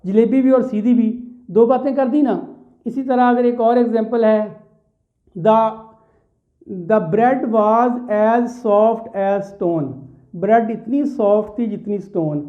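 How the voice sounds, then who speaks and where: A man from Pakistan with a Pakistani accent, giving a classroom lecture on a poem. He explains step by step, repeats his phrases and mixes English terms into his talk. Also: very high voice. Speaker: teacher. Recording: tinny phone-like lo-fi sound.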